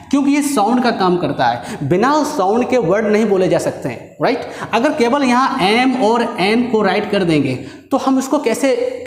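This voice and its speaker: A man's voice: sits high, a little mellow. A man leads an English lesson, walking through each point and stopping to check in with his listeners. His voice rings out with a long, roomy reverb, as if he is speaking in a large bare hall. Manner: explains step by step, often checks in with "okay"; drills letters slowly and invites the class to repeat. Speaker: English teacher. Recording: echoey room with long reverb.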